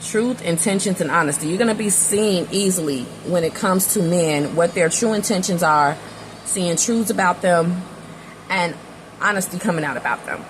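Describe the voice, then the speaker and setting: A woman's voice: on the low side, normal speed, background noise. A woman doing a casual tarot reading, talking straight to the viewer in a slangy, conversational way and drifting into personal stories. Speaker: tarot reader.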